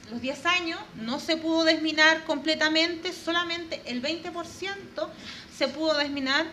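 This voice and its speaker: A woman from northern Chile, giving a formal presentation to an audience in an earnest, measured way, with frequent pauses and fillers. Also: high-pitched, bright, forceful tone, a little hiss or hum.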